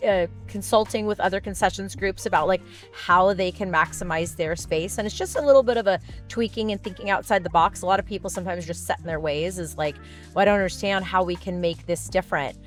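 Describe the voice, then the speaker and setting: Hoarse, chatty American woman. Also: fairly low pitch, fast talker, soft background music. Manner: chatty, informal. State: hoarse, worn-out voice. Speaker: interview guest, hospitality business owner. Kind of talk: casual podcast conversation.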